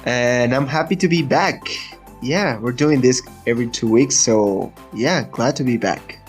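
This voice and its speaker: A man from Mexico co-hosts a casual podcast, joking and playful as he reads out news. His voice has an ordinary middle pitch. Light music runs faintly underneath. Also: a little slow. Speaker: podcast co-host.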